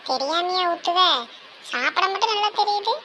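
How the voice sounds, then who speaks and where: A woman's voice: very high-pitched, expressive, normal speed, fairly bright tone, a little hiss or hum. A woman voicing an exasperated adult son who mocks his wife's cooking in a cartoon. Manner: mocking, exasperated.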